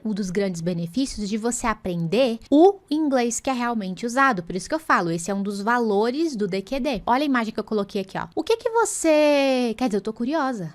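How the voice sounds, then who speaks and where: A woman teaching an online English lesson, lively, slowing down for clear English examples. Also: on the high side. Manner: lively, switches between Portuguese and slow, spelled-out English examples.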